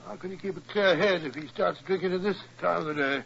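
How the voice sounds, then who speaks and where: An actor playing a blustery, loyal British doctor sidekick in a 1940s radio drama. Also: male voice, high voice, fast talker, vocal fry, fairly bright tone, a little hiss or hum. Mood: genial, fussy. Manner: blustery, indignant. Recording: muffled vintage radio recording.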